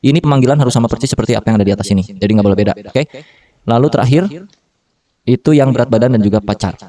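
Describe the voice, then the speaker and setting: Fast-talking man teaching code casually. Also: mid-range voice, warm tone, recorded from a distance. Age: 30s. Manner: slangy Jakarta-style casual talk with fillers and self-corrections. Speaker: programming tutor. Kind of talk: casual screen-recorded coding tutorial.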